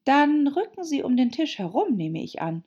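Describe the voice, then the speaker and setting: A woman's voice: sits high, sing-song, moderate pace, dark tone, lo-fi sound, voice pushed up. A woman voicing a curious, polite young girl with an earnest, questioning way of speaking. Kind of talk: audiobook character voice.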